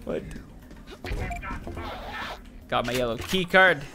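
Over music, a young adult man with a mid-range, creaky voice takes it slowly while playing a shooter on a headset at a desk in a small room. As a gaming streamer, he keeps up casual, jokey let's-play commentary, excitably talking back to the game.

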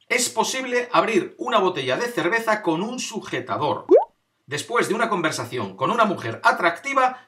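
A man walks the viewer through quiz answers in a bright, crisp voice. His pitch swings widely as he stretches out each number before revealing it. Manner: animated, drawn-out number reveals; addresses viewer directly, demonstrates on camera. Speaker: host of a quiz video. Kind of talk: explanatory quiz narration.

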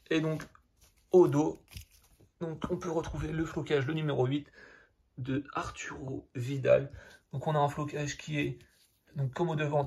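A young man with a French accent reviews a football jersey in a casual vlog, his voice slightly high and gravelly. He rambles, packing nearly every phrase with hesitations like "donc" and "euh".

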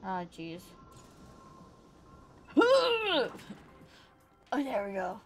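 A high-pitched woman streaming a game. Her voice leaps up and down as she giggles and chats to the characters, and she takes her time between remarks, with faint game music underneath. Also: huge pitch swings, very slow. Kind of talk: casual gameplay commentary.

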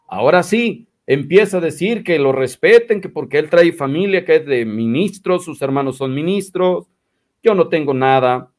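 A man with a fairly high voice talks in a combative, mocking way. He argues his side of a religious quarrel and mimics his rivals along the way. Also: a little mellow. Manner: combative, mocking, quotes others in exaggerated voices. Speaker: commentator replying to critics. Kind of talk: religious commentary video.

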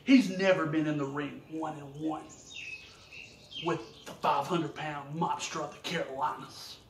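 A man delivering a wrestling promo as menacing, emphatic trash talk with deliberate pauses. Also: a little high, steady tone. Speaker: professional wrestler. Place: outdoors against a brick wall under an overhang. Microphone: camera a few metres away. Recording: roomy, distant mic with outdoor noise.

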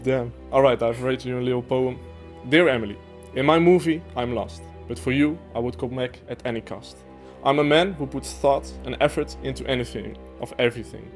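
A man's voice: mid-range voice, fairly even intonation, a little fast, soft background music. Young man reading a poem. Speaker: contestant. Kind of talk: reciting a poem.

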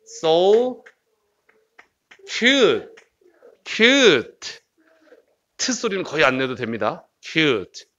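A man teaching English pronunciation in a lively, joking lecture style, jumping from loud bursts to quiet asides. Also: high voice. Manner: playful, jokey, swings between loud bursts and quiet asides. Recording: dull lo-fi lecture recording.

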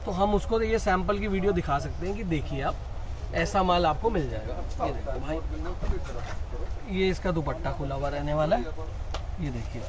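A man selling wholesale suits in a sales pitch video, with pushy patter that keeps calling the viewer brother, recorded in a fabric shop. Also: low-quality recording. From India. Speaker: wholesale suit seller.

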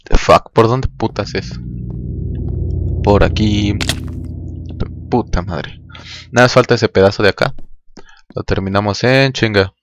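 A man with a Mexican Spanish accent talks over his gameplay in a low, easygoing voice. He rambles to his viewers and curses constantly. He fills the quiet stretches by mouthing little rhythmic sounds, and a faint hiss sits under the recording. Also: a little slow, long pauses. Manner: rambling, profane, chatting to viewers; hums and mouths rhythmic noises while working. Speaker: gaming channel host. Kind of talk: casual gameplay commentary.

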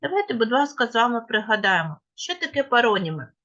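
Woman teacher in a lesson, bright tone, methodical explainer, slightly muffled recording. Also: on the high side, sing-song, fast talker. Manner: explains step by step, asks and answers her own questions. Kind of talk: classroom lesson.

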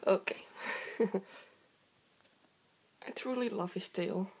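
A young woman with a hoarse, sore-throat voice from a cold, chatting casually in a halting, giggly way as she hosts a show-and-tell vlog. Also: mid-range voice, darkish tone. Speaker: video host. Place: indoor room with wooden floor. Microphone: handheld camera close by.

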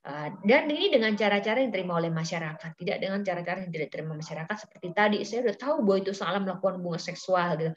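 Middle-aged woman lecturer, low-pitched, loose chatty delivery with fillers, slightly muffled lo-fi recording. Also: expressive, very fast, few pauses, a little hiss or hum. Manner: chatty, many fillers, acts out quoted dialogue. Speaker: psychology lecturer and counselor. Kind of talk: informal lecture. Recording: slightly dull lo-fi audio.

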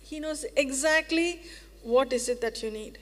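A woman's voice: high-pitched, a little slow. A woman preacher giving a sermon in an earnest, reassuring way, repeating phrases for emphasis. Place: church hall. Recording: reverberant church hall.

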